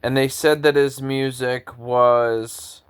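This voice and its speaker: A man's voice: medium pitch, steady tone, takes it slowly, smooth. A man in his thirties, a composer, giving an earnest, lecturing, grandiose spoken monologue. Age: 30s.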